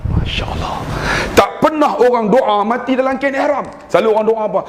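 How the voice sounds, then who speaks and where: A man's voice: extremely high pitch, fairly quick, background noise. Malaysian preacher man in an echoing hall. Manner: storytelling, animated, acts out prayers in raised voice. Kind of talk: sermon. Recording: long hall reverb.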